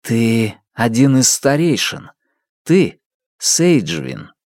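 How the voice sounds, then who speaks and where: A man's voice: medium pitch, very animated, extremely slow, darkish tone, no echo, studio quality, heavily acted. A man reading aloud, voicing a defiant, earnest young man who is a detective in a storybook.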